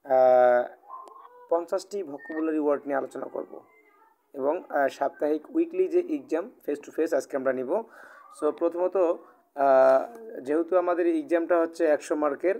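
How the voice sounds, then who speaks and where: A man with a Bangladeshi Bengali accent and a somewhat high, darkish voice teaches Chinese in a live online class during an oral exam. He is patient, repeating and rephrasing himself with many "ah" fillers.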